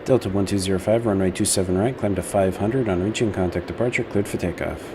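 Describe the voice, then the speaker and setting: A man with a low voice works as an air traffic controller, firing off clipped instructions very quickly. Loud noise runs behind his procedural commands. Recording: very noisy, loud airfield sound.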